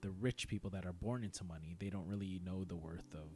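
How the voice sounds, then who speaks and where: A young man from San Diego hosting a relaxed live chat, often repeating words as he goes. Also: deep voice, fast. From San Diego, United States. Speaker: host. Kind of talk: casual chat on a live stream.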